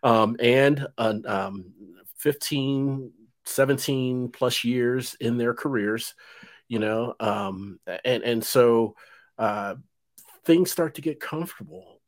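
In his fifties, this podcast host interviews a guest in a casual chat, his mid-range voice slow. He rambles, with plenty of fillers and restarts.

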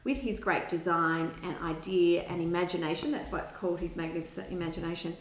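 A woman's voice: on the low side, steady tone, fast, echoey room. A woman co-hosting a podcast in casual chat, reviewing a children's book from her notes. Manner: chatty, reads from notes, reviews children's books. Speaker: podcast co-host.

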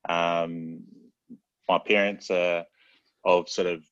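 A man's voice: low-pitched, little pitch movement, slow, fairly bright tone, dry recording, highs cut off. A man from South Auckland with a New Zealand accent, chatting casually as a podcast guest in a laid-back, slangy way, dropping "bro" into nearly every phrase. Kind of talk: casual chat.

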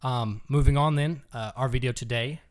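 A man's voice: mid-range voice, normal speed. A man hosting a casual podcast, upbeat and teasing as he steers the conversation. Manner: upbeat, teasing, leads the talk. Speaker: podcast co-host. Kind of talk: casual chat.

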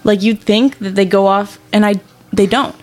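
A woman's voice: mid-range voice, fairly even intonation, normal speed, darkish tone. A young woman co-hosting a podcast in casual chat, rambling, giggling and swearing freely. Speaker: podcast co-host.

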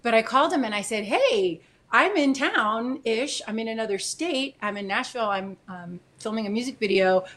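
A fairly high-voiced woman from Florida tells her own story as an interview guest. She is animated and emotional, and her speech is full of fillers. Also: normal speed, few pauses. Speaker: guest, military spouse.

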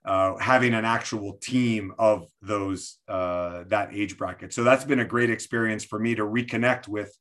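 A man in his forties from Quebec City speaks over a video call, leading a coaching workshop. His voice sits a little low, and he talks in hesitant bursts full of fillers and restarted phrases. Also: fairly even intonation, moderate pace, hardly any pauses, fairly bright tone. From Quebec City, Canada. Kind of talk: online workshop talk.

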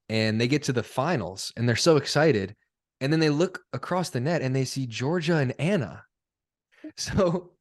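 Young laid-back male podcast host. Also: medium pitch. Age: young adult. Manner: laid-back, laughs often, chatty with many fillers. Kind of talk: casual chat.

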